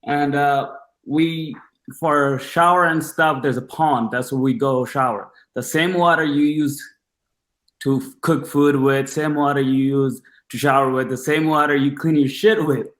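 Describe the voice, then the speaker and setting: His voice is a little high and fairly bright, with fairly even intonation and a measured pace. The podcast guest, a Bangladeshi man in his twenties recorded in a roomy space, shares personal stories in a casual, slangy, enthusiastic way.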